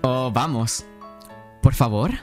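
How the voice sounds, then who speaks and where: A man's voice: medium pitch, slow pace, a little mellow, soft background music, close to an everyday voice. A young man voicing a blunt, teasing male character in a visual novel. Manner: dry, teasing.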